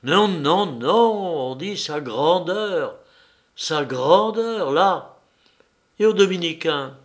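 A man voicing a fussy, anxious gentleman who scolds his maid. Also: fairly high pitch, lively intonation, moderate pace, close to an everyday voice.

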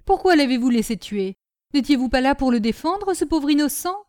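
A woman reader voicing a grumbling, quarrelsome old woman servant who scolds without pause. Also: high voice, sing-song, a little mellow, pitched above the performer's own voice. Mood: scolding. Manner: scolding, quarrelsome, quick retorts.

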